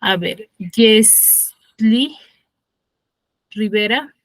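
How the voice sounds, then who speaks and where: A woman teaching a class over a video call reads passages aloud at an even pitch, then explains what they mean. She calls on students one by one. Her voice sounds dry and close, with no room around it. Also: extremely slow, no room sound. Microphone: computer or phone on a video call.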